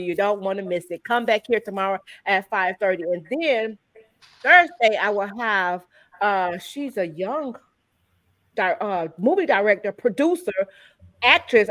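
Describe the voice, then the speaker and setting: An upbeat woman hosts a live-streamed talk show over a video call, chatting warmly to the viewers at an average pitch. She sounds folksy and talks to them like family. The sound is close and dry. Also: expressive, moderate pace, dry recording. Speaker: host.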